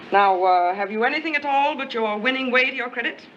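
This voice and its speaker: Noisy old 1930s film sound. Actress for witty, restless rich sister, bright and cutting, arch comedy delivery. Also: female voice, a little high, lo-fi sound, close to an everyday voice. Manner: arch, teasing, mock-pompous delivery.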